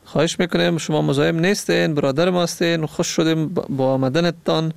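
A man hosting a radio phone-in, calmly explaining and soothing a caller. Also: a little high, creaky, dry recording. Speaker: radio host.

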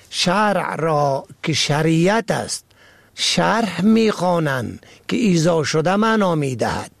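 A male radio presenter, reading a scripted segment in a measured, formal way and slowly spelling out words. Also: high voice, vocal fry, dry recording, clean studio sound.

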